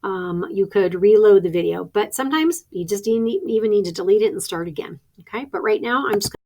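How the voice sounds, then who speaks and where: A woman teacher walks through each step of a task in a practical, chatty way. She thinks aloud as she clicks through the screen, and her voice sits at an ordinary middle pitch. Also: a little fast, darkish tone. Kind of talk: instructional screen-recording walkthrough.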